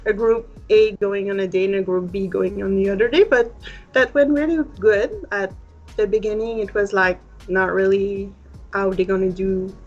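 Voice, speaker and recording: A woman in her thirties with an Acadian French Canadian accent answers interview questions in halting, non-native English. Her pitch sits mid-range for a woman. The sound is a slightly muffled video call, with faint music underneath. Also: steady tone. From northern New Brunswick, Canada. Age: 30s. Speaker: pageant guest. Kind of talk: casual interview chat. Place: indoor room at home, video call. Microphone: webcam video call.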